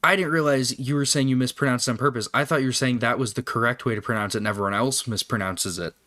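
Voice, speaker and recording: A man's voice: mid-range voice, fast talker, sharp tone, no room sound. A man hosting a casual livestream, chatting with viewers in a rambling, profane way. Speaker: livestream host. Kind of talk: casual live-stream chat.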